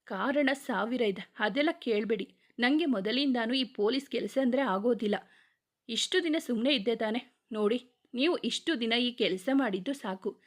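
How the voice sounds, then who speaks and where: A woman's voice: a little high, normal speed, lightly acted. A woman reading the part of a worried young wife who pleads and argues emotionally. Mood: pleading.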